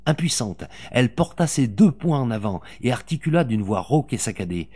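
A man reading a novel aloud as an audiobook narrator, with dramatic, expressive delivery. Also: medium pitch, fairly quick, slightly rough.

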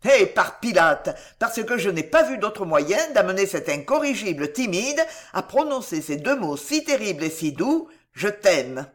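A reader voicing a bold, good-humored chevalier in a storybook who swears playful old oaths. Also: male voice, sits high, very animated, measured pace, few pauses, fairly bright tone, full character voice. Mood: hearty. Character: bold, jovial male swordsman chevalier. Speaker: storybook character. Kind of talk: dramatic audiobook reading.

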